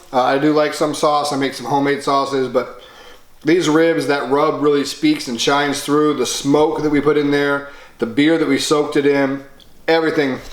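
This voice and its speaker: A man hosts a casual cooking demonstration in an echoey indoor kitchen. His voice sits a touch high for a man, and he talks in a relaxed, folksy way with plenty of fillers. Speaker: cooking show host.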